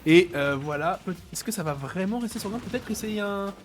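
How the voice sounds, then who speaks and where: At an esports venue, a male co-commentator with a high, animated voice gives brisk, chatty colour analysis of a fighting-game final live, tossing in joking asides. There's slight background noise and faint music playing behind his voice.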